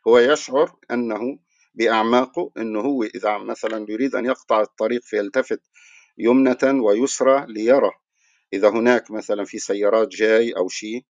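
A man's voice: on the low side, fairly even intonation, a little fast, no room sound, dull audio. A man giving a religious lecture, explaining his point through rhetorical questions that he answers himself. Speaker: religious speaker.

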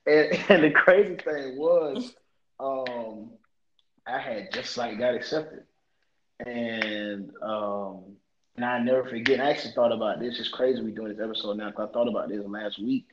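A man's voice: medium pitch, normal speed, highs cut off, slight background noise. A man in his twenties co-hosting a podcast, talking in a laid-back, joking way. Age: 20s. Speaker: podcast co-host. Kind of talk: casual chat.

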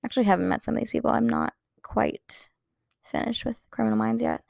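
Young female vlogger, 20s, excitable and gushing, dry close sound. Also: fairly high pitch, brisk, creaky, no room sound. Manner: gushing, excitable, lots of "like" fillers. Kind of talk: casual chat to camera.

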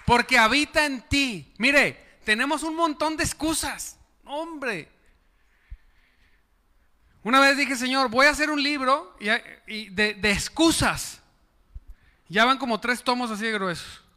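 Man, pastor, sermon, very high voice, call-and-response, reverberant church hall. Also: a little slow, sharp tone. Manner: preaching with call-and-response to the congregation.

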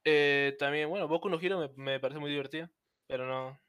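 A man's voice: on the high side, a little fast, fairly bright tone, smooth, dry recording, clean studio sound. A man co-hosting a casual livestream chat, talkative and often searching for his words. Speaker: co-host.

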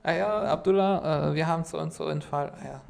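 A Syrian man whose first language is Arabic guests on a podcast, telling his story in casual, rambling fashion, full of fillers, restarts and a habitual "sag ich mal." His voice sits on the high side and sounds creaky, quick and fairly even in intonation.

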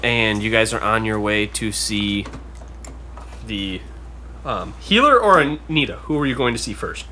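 A man's voice: fairly low pitch, expressive, a little slow, sharp tone, slight background noise. A man narrating as game master, playfully voicing auctioneers and townsfolk.

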